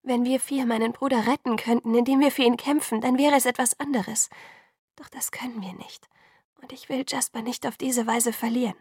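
A woman's voice: a little high, steady tone, brisk, few pauses, darkish tone, husky, no echo, studio quality, voice pushed up. A woman voicing an anxious young woman who speaks urgently and often drops to a whisper. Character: anxious young woman pleading in hushed tones.

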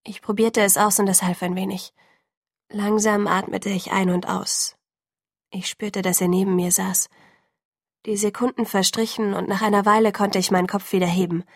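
Woman reading an audiobook, calm and measured, husky, dry close sound. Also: medium pitch, no room sound. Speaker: audiobook narrator. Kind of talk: scripted first-person narration.

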